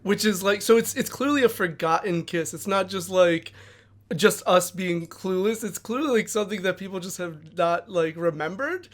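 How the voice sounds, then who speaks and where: A man's voice: high-pitched, moderate pace. A man co-hosting a fan podcast in casual chat, thinking aloud with lots of "like" and "you know". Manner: thoughtful, rambling with frequent "like". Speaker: podcast co-host.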